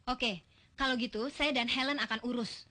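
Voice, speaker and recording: Casting: high, bright young woman, bossy and brisk, faint noise behind. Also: steady tone. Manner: bossy, giving quick orders. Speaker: daughter of the household. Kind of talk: film comedy acting.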